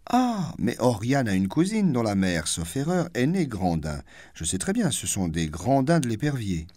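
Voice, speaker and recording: A pompous, self-satisfied duke, airy and a touch plaintive, played by a male audiobook reader. His pitch jumps around in a lively way, often climbing above the reader's low own voice. The recording is close and dry. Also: normal speed, no echo.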